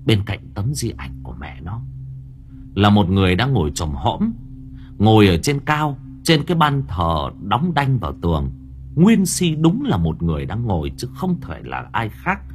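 A man's voice: normal speed, soft background music. A man narrating a horror story dramatically. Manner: storytelling, dramatic, with lively pitch. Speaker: audiobook narrator.

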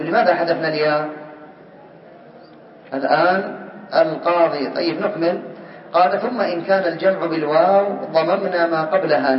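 Distant teacher quizzing his class. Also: a little high. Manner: questions students by name, drills word forms slowly. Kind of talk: classroom grammar lesson. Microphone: far from the mic. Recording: distant, roomy, dull lo-fi recording.

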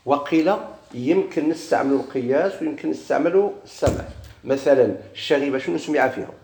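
A man's voice: fairly high pitch, a little fast, darkish tone. A man with a Moroccan Arabic accent teaching a grammar lesson, asking questions and answering them himself, repeating key words. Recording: echoey room with faint noise.

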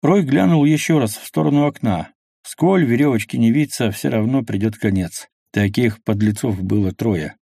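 A man narrating a dark audiobook in a steady, measured reading. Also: medium pitch, vocal fry, no room sound, studio quality.

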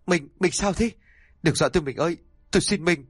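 A man voicing a desperate, quick-tempered old man who pleads and shouts in a strained, raised voice. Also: medium pitch, animated, breathy edge, no room sound, studio quality, faint music behind. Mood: panicked.

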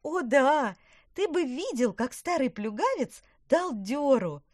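A woman voicing an excitable, bossy young girl in a storybook reading, speaking shrilly and with exasperation. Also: high voice, slow pace, no room sound, clean studio sound, pitched above the performer's own voice, heavily acted. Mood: gleeful.

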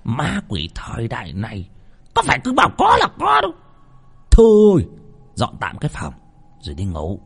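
A man doing a gruff scolding exorcist. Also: sits low, big pitch swings, normal speed, soft background music, exaggerated voice. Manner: barking, scolding. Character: gruff middle-aged male exorcist, scolding.

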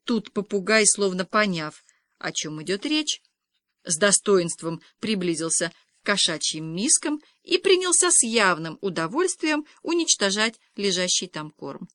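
A woman reading a comic novel aloud in lively first-person storytelling, doing the voices of the characters. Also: mid-range voice, a little slow, no room sound. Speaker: audiobook reader.

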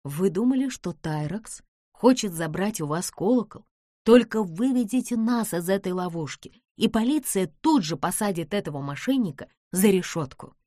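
A woman's voice: mid-range voice, expressive, normal speed, dark tone, dry recording, clean studio sound, lightly acted. A woman voicing a brave young girl detective who pleads and urges in an audiobook. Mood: coaxing. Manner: urgent, pleading.

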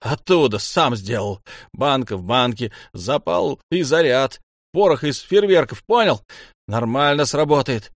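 A reckless young tough, yelling and swearing in a voice pushed high and loud, as a man acts him out in an audiobook. He sounds rough and defiant. The recording is dry and close. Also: animated, a little slow, no echo, close to an everyday voice. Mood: shouting, defiant. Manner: shouting, rough, cursing.

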